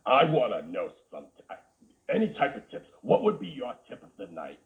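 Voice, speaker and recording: Pitch swooping wildly from a medium base, a man moves at a moderate pace while playing a gushing, theatrical, flamboyant Boston-accented talk-show host. It's a comedic character interview on a tinny, phone-like line, full of camp asides and "darling" for everyone.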